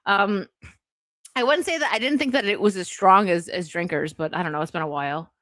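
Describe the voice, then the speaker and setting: A woman hosts a casual livestream chat in a brisk, mid-range voice with a fairly bright tone. She giggles and rambles, packing her talk with "like" and other fillers. There's no room sound.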